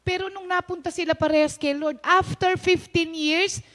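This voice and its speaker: Woman host, high pitch, storytelling testimony, Taglish, acts out dialogue. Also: fairly even intonation, normal speed, a bit bright. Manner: storytelling, mixes English into Tagalog, acts out quoted speech. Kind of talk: personal testimony told to viewers.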